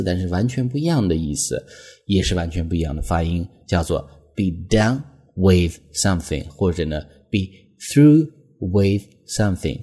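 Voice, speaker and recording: A man teaching English phrases as a lesson, explaining patiently and reading example sentences slowly. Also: deep voice, warm tone, husky. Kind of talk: language lesson.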